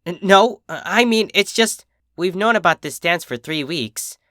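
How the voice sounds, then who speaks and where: A story narrator acts out a dejected young cartoon pegasus filly, speaking in a hesitant, defensive mumble that sounds flustered and tearful. The delivery is expressive, a little slow and a bit bright, with pitch that moves around a lot. The sound is dry and close, with no room sound.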